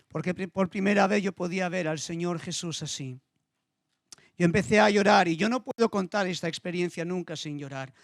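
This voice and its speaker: A man's voice: sits high, no echo, clean studio sound. A middle-aged man preaching a sermon, telling a personal story with feeling and repeating his phrases. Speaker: pastor.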